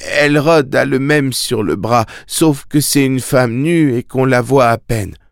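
A man voicing a frightened young boy who haltingly recalls a horror while in a trance, in an audiobook. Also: medium pitch, gravelly, dry recording, studio quality, voice pushed up. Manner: halting, fearful, speaking in the present tense. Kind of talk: audiobook character voice.

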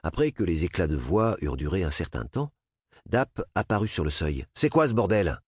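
A man narrating a novel as an audiobook in a measured, expressive way. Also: low-pitched, husky, no room sound, clean studio sound. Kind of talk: audiobook reading.

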